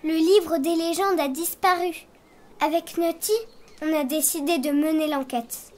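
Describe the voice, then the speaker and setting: Curious young girl investigator, played by a woman, high and earnest, kids' audio tale. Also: steady tone, measured pace, a little mellow. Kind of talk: children's audio story acting.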